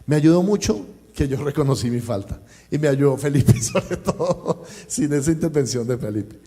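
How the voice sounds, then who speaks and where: A man's voice: a little high, expressive, moderate pace, mellow. A male pastor with a Colombian accent, preaching a sermon and telling a personal story, acting out the dialogue and speaking directly to the congregation. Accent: Colombian Spanish. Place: church service.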